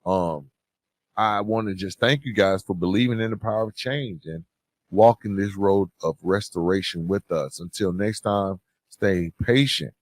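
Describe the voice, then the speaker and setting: Speaking a little slowly in a low voice, this man hosts a podcast and delivers earnest, conversational motivational advice, often repeating phrases to drive points home. The recording is dry, made on a close podcast microphone.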